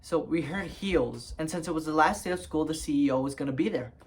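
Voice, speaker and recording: A man's voice: a little high, brisk, husky. Young guy vlogging a storytime, rambly, lots of ums and restarts, laughs at his own story. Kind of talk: casual storytime.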